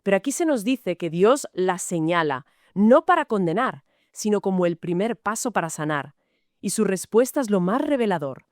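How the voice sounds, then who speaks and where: A woman's voice: mid-range voice, sing-song, normal speed, no room sound, clean studio sound. A woman from Spain co-hosting a Bible study podcast, asking and clarifying points. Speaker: podcast co-host.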